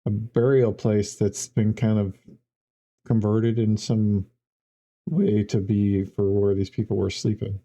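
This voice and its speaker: A man's voice: fairly low pitch, little pitch movement, takes it slowly, warm tone. A man running a tabletop game as game master, describing scenes in a loose, conversational way.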